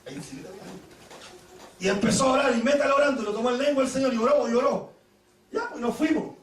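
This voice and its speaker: A Chilean man preaching a Pentecostal sermon, telling stories with laughter and sudden shouted praises. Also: very high-pitched, fast talker, distant mic, slight background noise. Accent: Chilean Spanish. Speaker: pastor. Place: church hall. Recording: echoey church hall, mic from afar.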